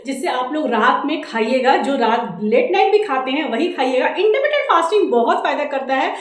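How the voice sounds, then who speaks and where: A high-pitched woman in her thirties with a Jharkhand Hindi accent, chatting loud and fast to the camera in a casual home vlog. No separate mic, only the camera's own, so her voice carries an echoey room around it. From India. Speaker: vlogger. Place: indoors at home. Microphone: camera mic without a separate microphone.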